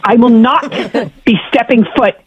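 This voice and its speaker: A woman's voice: fairly high pitch, unhurried, breathy edge, dry recording. A woman on a phone call that is aired on the radio, indignant and exasperated, raising her voice. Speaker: prank call victim. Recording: radio broadcast over phone with crowd.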